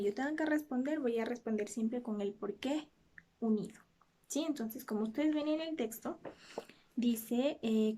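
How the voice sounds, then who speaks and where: A woman teacher explains a lesson step by step, pausing now and then to check her students are following. Her voice is slightly high and mellow in tone. She sounds like a patient classroom guide.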